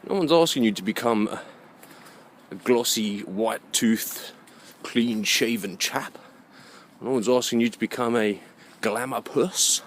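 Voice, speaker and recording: A British man vlogs in a mid-range voice at an unhurried pace, offering a rambling, opinionated monologue. He's emphatic, fond of rhetorical questions and keen to confirm the listener understands, over a slight hiss or hum.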